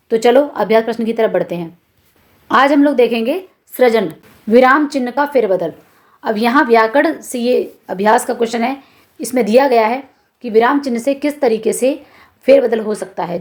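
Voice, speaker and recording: A woman teaching a school lesson, patiently explaining exercises, slowing down to repeat examples and asking her students questions. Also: on the high side. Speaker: Hindi teacher.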